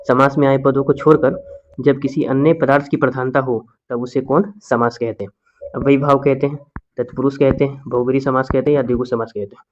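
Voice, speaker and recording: A man's voice: mid-range voice, darkish tone. Man drilling exam questions, lo-fi sound. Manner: asks questions then answers them himself, repetitive drilling. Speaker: teacher. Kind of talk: exam-prep lesson.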